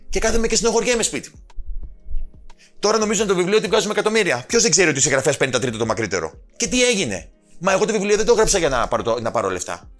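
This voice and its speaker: A man's voice: high voice, sing-song, fairly bright tone, faint music behind. A man guest on a casual podcast, talking passionately and emphatically, swearing freely and quoting people in changed voices. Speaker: podcast guest, personal trainer and author.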